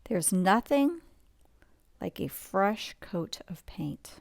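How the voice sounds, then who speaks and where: A medium-pitched woman reads a picture book aloud in a sing-song, creaky voice for bedtime, in a dry recording. Her pace is unhurried and her manner conversational as she points things out and asks the listener questions between lines.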